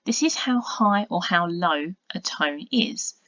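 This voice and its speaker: A woman, a science teacher narrating a recorded video lesson, explaining patiently and muttering quiet asides as she draws. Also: fairly low pitch, lively intonation, slow, no echo. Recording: dull lo-fi dry recording.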